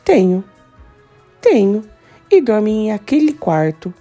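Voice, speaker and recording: Uma mulher lendo as falas de um imigrante italiano teimoso, com tom firme e insistente. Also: female voice, medium pitch, very animated, slow, dark tone, soft background music, pitched above the performer's own voice. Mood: firm. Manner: firm, insistent. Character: stubborn Italian immigrant man, firm.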